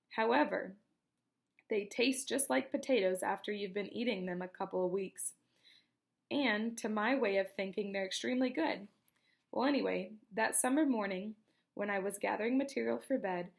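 A woman reading a novel aloud in a steady, unhurried storytelling manner. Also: medium pitch, gravelly. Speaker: reader.

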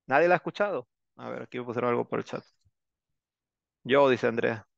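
A male English teacher gives an online class in a chatty, teasing way and coaxes quiet students to speak up. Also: mid-range voice, brisk, gravelly, no echo. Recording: dull, dry lo-fi sound.

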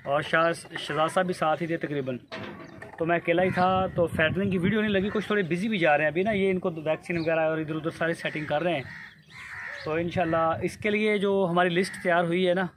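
A man's voice: fairly high pitch, brisk, background noise. A man with a Pakistani Urdu accent chatting casually outdoors at a cattle farm, reeling off lists of names. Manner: conversational, reels off lists of names. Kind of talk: casual chat.

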